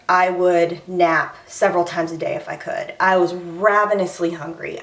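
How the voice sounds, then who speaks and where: A young woman, chatting candidly in a personal vlog and a little short of breath. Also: lowish voice. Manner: candid and chatty, with many fillers and restarts. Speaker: vlogger. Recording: echoey room, voice a bit far from the mic.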